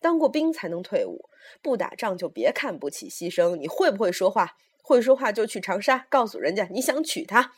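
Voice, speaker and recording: A woman reader puts on a fierce old lady close to seventy, raising her voice and lashing out at the young people around her. She scolds loudly and keeps shouting as she lectures them in this read-aloud story. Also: mid-range voice, big pitch swings, a little fast, husky. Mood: scolding. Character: fierce sharp-tongued woman near seventy.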